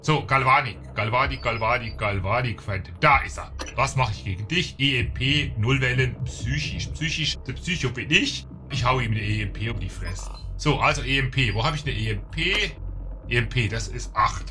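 A man giving casual let's-play commentary, chatting to his viewers and getting excited in fights. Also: mid-range voice, moderate pace. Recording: game music behind the voice.

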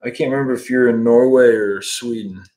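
A man in his thirties from the United States casually teaches fly tying on a livestream from a room at home, relaxed and chatty as he answers viewer comments while he works. His voice is medium-pitched and a little fast.

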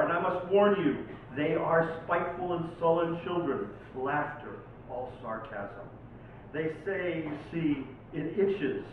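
This Oregon poet has a fairly high voice and performs his own work dramatically at a live reading, chatting casually to introduce each poem. The poetry night venue was captured from far away, leaving the sound thin, heavily reverberant and distant, with light noise.

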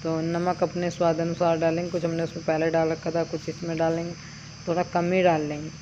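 A woman's voice: low-pitched, monotone, a little fast. A woman chatting homely as she narrates her cooking step by step in a village home kitchen. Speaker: village vlogger. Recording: dull lo-fi sound with outdoor noise. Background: insects and crickets.

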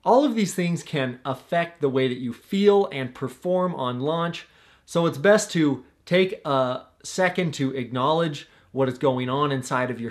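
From a small home room, a young paragliding instructor runs his channel's tutorial vlog, looking straight into the camera and coaching earnestly while gesturing with his hands. His pitch is medium.

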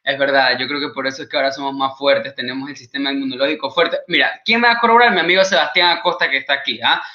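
A man with an Ecuadorian Spanish accent doing animated stand-up comedy, mimicking scolding mothers. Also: mid-range voice, rapid-fire. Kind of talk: stand-up comedy, live stream. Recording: dull, roomy sound.

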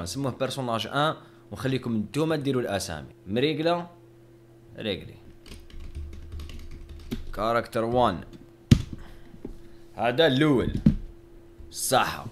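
A man's voice: mid-range voice, noisy background. A young man, casually talking through a drawing with joking, self-mocking banter. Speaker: video creator. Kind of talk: casual narration while drawing.

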